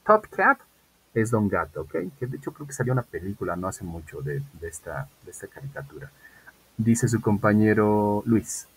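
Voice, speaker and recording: A man teaching an English class online, patiently repeating model sentences slowly and often checking in with "¿ok?". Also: on the low side, expressive, a little mellow, slightly rough, poor audio.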